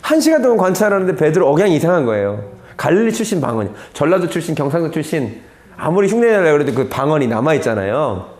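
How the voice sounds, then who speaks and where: A man teaching the Bible as a sermon, telling the story with dramatic pauses, sometimes dropping to a whisper and asking the audience questions. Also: fairly high pitch, big pitch swings, darkish tone. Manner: acts out quoted lines, asks the audience questions.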